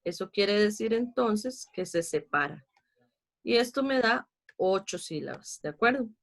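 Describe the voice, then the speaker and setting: Costa rican lady teaching a class online, patient, counts syllables out loud one by one. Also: mid-range voice, animated, a little slow. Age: adult with a child. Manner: patient, explains step by step, counts syllables aloud.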